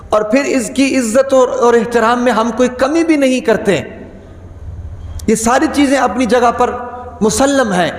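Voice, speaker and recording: High-voiced male preacher in an echoing hall. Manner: rhetorical questions to the congregation, emphatic repetition. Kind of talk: Friday sermon. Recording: echoey hall with long reverb.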